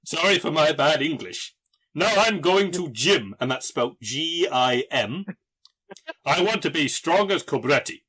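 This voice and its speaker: A man's voice: fairly high pitch, lively intonation, a little slow, bright, forceful tone, breathy edge, full character voice. Man reading as an earnest film fan in broken English. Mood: earnest admiring. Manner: broken English with missing words and odd phrasing.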